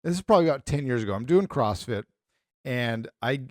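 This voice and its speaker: Speaking briskly at medium pitch, a middle-aged man co-hosts a podcast and spins rambling anecdotes in a relaxed conversation. He performs the characters as he retells events, and the studio audio is clean and dry.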